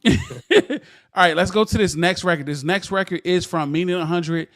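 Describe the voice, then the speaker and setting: A man's voice: high-pitched, fairly even intonation, fast, fairly bright tone. A young man hosting a livestream music review, talking loosely with plenty of slang and jokes. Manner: loose, joking slang-heavy talk.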